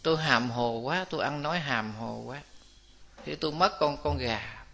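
A man's voice: medium pitch, normal speed, creaky. A man giving a Buddhist dharma talk, telling a village story and speaking directly to his listeners. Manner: lively storytelling, acts out characters' voices, addresses the audience directly. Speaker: Buddhist preacher.

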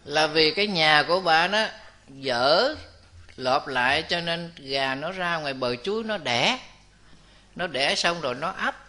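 A man's voice: a little high, measured pace. A man giving a Buddhist dharma talk, telling a village story and speaking directly to his listeners. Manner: lively storytelling, acts out characters' voices, addresses the audience directly. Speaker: Buddhist preacher.

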